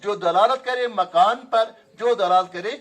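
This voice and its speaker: Male teacher, high voice, drills phrases slowly and quizzes the class. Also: a bit bright. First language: Kashmiri. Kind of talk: classroom grammar lesson.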